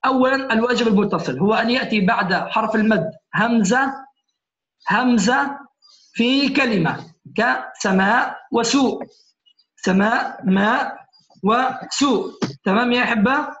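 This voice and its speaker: A man with a higher voice lectures a class, stopping often to check that his students follow. The sound is roomy and echoey, and the recording is muffled and lo-fi. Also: normal speed, fairly bright tone. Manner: patient, keeps checking "alright?" with students. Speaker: Quran recitation teacher.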